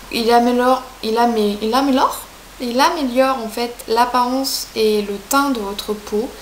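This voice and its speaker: A woman in her twenties reviewing beauty products in a casual, chatty way, hesitating often with fillers. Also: fairly high pitch. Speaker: beauty vlogger. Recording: echoey room, faint hiss.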